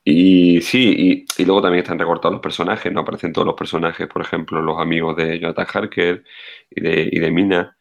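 A man's voice: sits low, level tone, a little fast, creaky, lo-fi sound. A man, co-hosting a podcast and giving blunt, opinionated takes on a film in casual talk. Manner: blunt, opinionated, restarts often. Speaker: podcast co-host.

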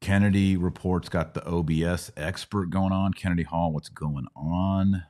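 With a darkish, steady, deep voice at a moderate pace, this middle-aged American podcast host explains Bible questions conversationally. He teaches in a casual, didactic way, often checking in with "right?"

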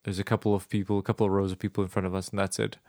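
Young man, low pitch, dry close sound, lively storyteller who laughs a lot. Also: racing, no room sound. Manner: animated, laughing, jumps in with asides. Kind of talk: casual chat.

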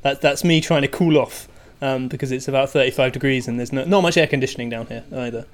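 Smooth, clear-voiced man chatting. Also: medium pitch, fast talker. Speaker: podcast co-host, exoplanet researcher. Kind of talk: casual podcast chat.

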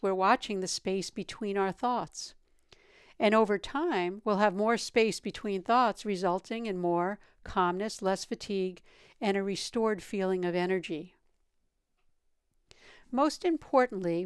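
A woman leading a guided meditation as a teacher, speaking in a calm, meditative tone with a smooth, clear voice. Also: mid-range voice, no room sound, studio quality.

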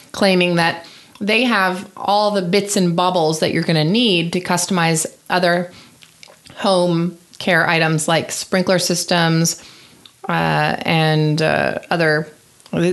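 A woman co-hosting a casual tech podcast, asking curious follow-up questions and giving opinions. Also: fairly low pitch. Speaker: podcast co-host.

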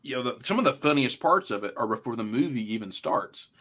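Bright-voiced podcast man telling stories. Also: medium pitch, fast. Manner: animated storyteller, laughs mid-sentence. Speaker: podcast co-host. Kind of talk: casual chat.

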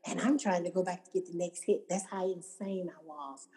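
A woman gives personal testimony to an audience, telling her own recovery story and acting out the voices of what others said. Her lowish voice is warm at a normal speed, though the audio quality is poor.

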